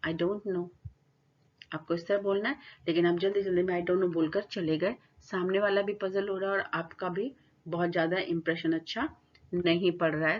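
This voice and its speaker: Woman teacher lecturing, slow English definitions. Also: lowish voice, husky, muffled recording. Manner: explains in Hindi, reads definitions slowly in English. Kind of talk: classroom lecture.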